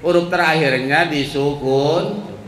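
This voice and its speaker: A male Islamic teacher gives a slow, explanatory religious lesson, chanting Quran verses as examples. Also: a little high, steady tone, a bit bright. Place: boarding school study hall. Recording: echoey room with faint background noise.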